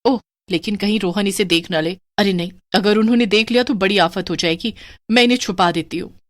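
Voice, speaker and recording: A woman voicing a greedy, excitable young wife whose voice goes shrill. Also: fairly quick, dry recording, clean studio sound, lightly acted. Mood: cheerful.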